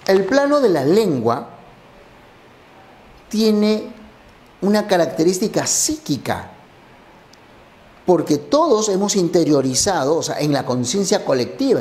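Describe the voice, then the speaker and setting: A man's voice: a little high, a little mellow. A man teaching a language lesson, explaining exam answers step by step.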